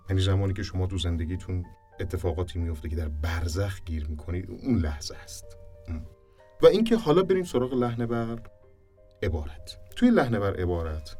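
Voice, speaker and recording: Deep-voiced man teaching poetry recitation. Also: recorded from a distance. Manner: explains then demonstrates by reciting poetry with shifting loudness. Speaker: voice acting teacher. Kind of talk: recitation lesson. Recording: music underneath, somewhat off-mic.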